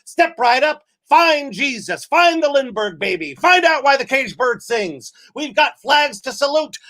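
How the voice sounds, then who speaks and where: A man, an actor and playwright, performing a satirical poem as loud, rhyming carnival-barker patter that sometimes rises to shouts. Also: very high-pitched, animated, unhurried.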